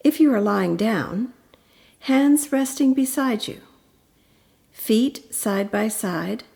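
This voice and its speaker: A fairly high-pitched woman narrates a guided meditation, soft and soothing as she instructs, pausing often. Breathiness creeps in as her phrases end.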